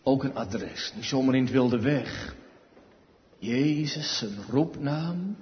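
A man preaching a sermon who swings between hushed, slow passages and loud, pleading cries. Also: medium pitch, slight background noise. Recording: dull sound with long hall reverb.

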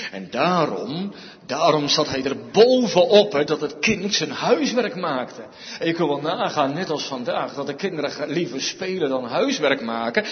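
A man preaches a sermon in a slow, lively voice that swings widely in pitch, leaning on repeated words and rhetorical questions. His voice sits a little high for a man. The recording is dull and lo-fi, with a long reverb trailing through the church hall. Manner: emphatic, repeats key words and asks rhetorical questions with a tag "hè". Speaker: pastor.

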